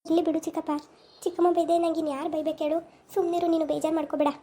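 A woman playing a gentle, patient young village woman who soothes her uncle, speaking softly. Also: very high voice, level tone, racing. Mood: soothing. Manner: soft, soothing, pleading. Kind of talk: village family skit.

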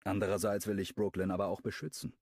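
A man narrating a romance audiobook in first person, telling the story in a lively way. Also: low voice, fast talker, dry recording, studio quality. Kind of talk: scripted narration.

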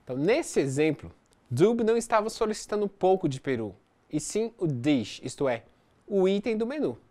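Course teacher, methodical explainer, animated intonation, mid pitch. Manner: explains step by step, reads English examples slowly. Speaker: English teacher. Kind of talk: recorded distance-learning lesson.

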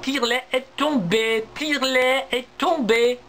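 A man voicing frightened baby squirrels crying for help in a shrill, pleading way. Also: steady tone, slow pace, gravelly, bright, forceful tone, a little hiss or hum, heavily acted. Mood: panicked.

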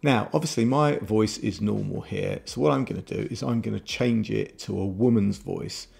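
A middle-aged tech presenter with a very gravelly, lowish, slightly mellow voice delivers a scripted yet casual product review at normal speed. He's indoors in a home room with shelves, close in front of a desk microphone, with background music playing.

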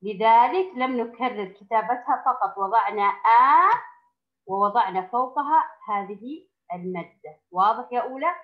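A woman teaching first graders, who speaks slowly and patiently, stretches out the sounds she teaches and praises the class often. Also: fairly high pitch, lo-fi sound. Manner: slow, patient, drawn-out sounds with frequent praise. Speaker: primary school teacher. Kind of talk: recorded classroom lesson for young children.

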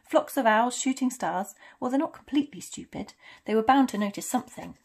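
A woman's voice: mid-range voice, normal speed, a little mellow, close to an everyday voice. A woman voicing a stern, proper witch professor from a storybook, clipped, emphatic and easily flustered. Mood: impatient, indignant. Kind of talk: storybook character reading.

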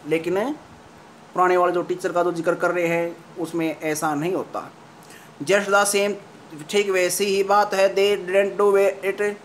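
A man gives a lesson on a story, reading each English line slowly before explaining it in Hindi. His voice sits high and stays fairly level. He restarts his sentences often as he works through the meaning. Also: a little hiss or hum. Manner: reads English lines slowly, then explains them in Hindi with frequent restarts. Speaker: English teacher.

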